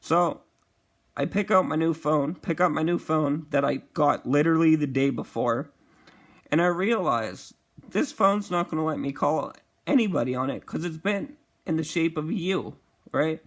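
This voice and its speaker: A young man with a slightly higher voice tells a wild personal story straight to the camera. His delivery is loose and profane, and he acts out the other people's lines as he goes. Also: moderate pace. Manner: profane, animated retelling with acted quotes. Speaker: vlogger. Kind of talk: casual storytime monologue.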